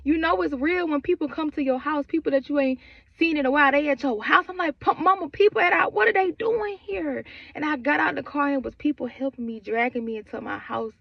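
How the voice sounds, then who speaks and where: A woman in her twenties talks quickly in a high voice with vocal fry, telling a raw, emotional story of her own grief, repeating herself and leaning heavily on "like." The audio is dry and dull.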